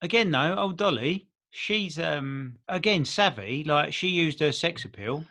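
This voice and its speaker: A man's voice: on the high side, lively intonation, unhurried, pushed and bright. Blokey man bantering on a podcast. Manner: blokey, sweary, rambling. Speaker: podcast co-host. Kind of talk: casual comedic banter.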